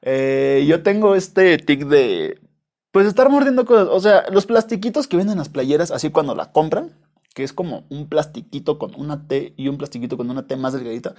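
Young mexican guy hosting a podcast, rambling and sweary, voice sits a bit high. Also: animated, moderate pace, darkish tone. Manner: rambling, slangy and profane, with frequent restarts. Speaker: podcast host. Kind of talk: casual monologue storytelling.

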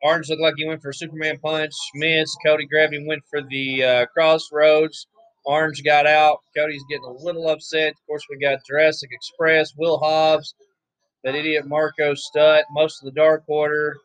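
A man with a drawl, his voice hoarse, calling a wrestling match in a relaxed, chatty way full of offhand asides. His voice sits a little high, and the recording is dry and close. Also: a little fast, hardly any pauses, dry recording, poor audio. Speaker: wrestling watch-along commentator. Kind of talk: casual play-by-play commentary.

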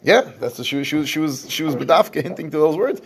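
A man's voice: on the high side, lively intonation, quick pace, a little hiss or hum. A man teaching a scripture class, explaining verses at length and often restarting his phrases. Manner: explains in English with Hebrew terms, restarts often. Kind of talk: lecturing on scripture.

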